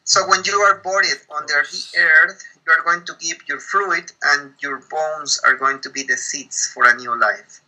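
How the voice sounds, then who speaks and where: Man, K'iche' first language, high voice, very bright tone, slow patient explaining, searching for words. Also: low-quality recording. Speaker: Maya spiritual guide, guest. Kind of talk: teaching interview over a call.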